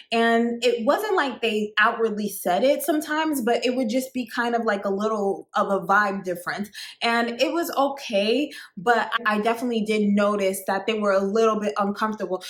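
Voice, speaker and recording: Speaking straight to camera, a dating coach in her thirties offers women dating advice in a voice on the high side. She's chatty and emphatic, leaning heavily on fillers like "like" and "actually". The sound is roomy.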